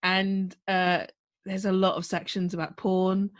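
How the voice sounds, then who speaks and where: A woman's voice: medium pitch, little pitch movement, a little slow. A woman co-hosting a podcast, chatting casually with a teasing, informal comic manner. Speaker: podcast co-host. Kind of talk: casual comedic banter.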